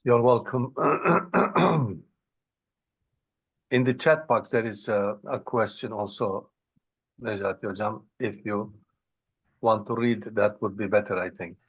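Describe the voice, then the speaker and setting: A low, husky-voiced man moderates an online Q&A and reads out questions from the chat. He speaks tentatively and softly. His audio is dry and muffled, like a lo-fi call. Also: slow, long pauses, dry recording. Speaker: session moderator.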